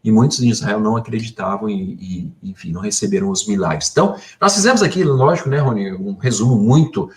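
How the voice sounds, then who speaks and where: A man's voice: lowish voice, lively intonation, a little fast, hardly any pauses. A man with a Brazilian Portuguese accent co-hosting a casual Bible discussion, explaining the stories and closing the episode. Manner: explanatory, wraps up and signs off the episode. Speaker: co-host.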